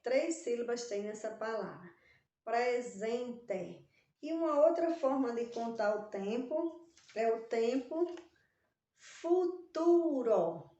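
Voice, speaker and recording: A woman's voice: on the high side, mellow, roomy sound. A Brazilian woman teaching young children in a recorded lesson, drawing out syllables with a sing-song stress on key words. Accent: Brazilian Portuguese. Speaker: primary school teacher.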